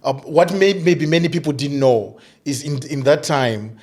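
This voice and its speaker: A middle-aged Zimbabwean man, a diversity and inclusion coach, is a guest in a conversational interview. His voice is a little high, expressive and somewhat mellow, with a breathy edge. He speaks thoughtfully but haltingly, restarting often and repeating fillers like "you know."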